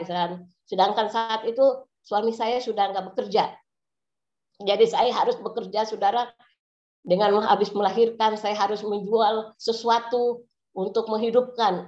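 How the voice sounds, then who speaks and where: A woman's voice: medium pitch, a little mellow. A middle-aged woman pastor giving an earnest testimony sermon, often addressing her listeners directly. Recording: echoey, slightly dull recording.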